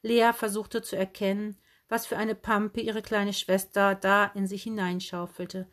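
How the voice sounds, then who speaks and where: A woman narrating a children's book in a lively, expressive way. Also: mid-range voice, unhurried. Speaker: audiobook narrator.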